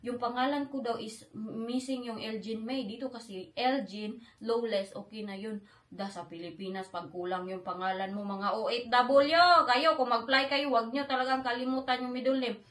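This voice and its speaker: A young Filipina woman retells an upsetting trip in an emotional, animated way. Her voice sits a little high, and she mixes English phrases into her storytelling. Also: moderate pace. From Philippines. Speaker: vlogger.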